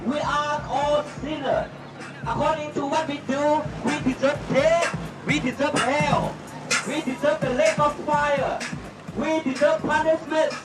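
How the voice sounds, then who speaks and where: High-pitched male doomsday street preacher. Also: steady tone, a little slow, loud music behind the voice. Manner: loud, exhorting, repetitive warnings of judgment. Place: outdoors at a flea market. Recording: distant, echoey, noisy outdoor recording.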